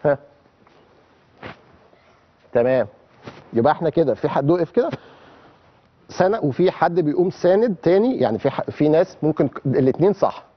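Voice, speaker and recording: A man's voice: fairly high pitch, expressive, a little fast, pauses often, lo-fi sound. A man with an Egyptian accent teaching children how to pray, quizzing and coaxing them with questions as he explains.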